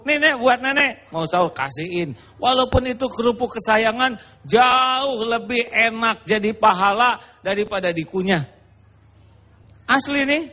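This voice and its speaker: A male preacher gives a sermon, telling jokes and acting out little scenes with quoted voices. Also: high voice. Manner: animated, joking storytelling with acted-out quotes. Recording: dull lo-fi recording.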